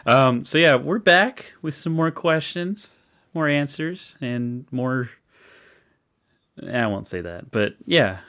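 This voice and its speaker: A man's voice: medium pitch, expressive, slow pace, fairly bright tone. A young man hosting a casual podcast, chatting loosely with lots of fillers and laughter. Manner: laughs often, many fillers. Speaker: podcast host. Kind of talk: casual chat.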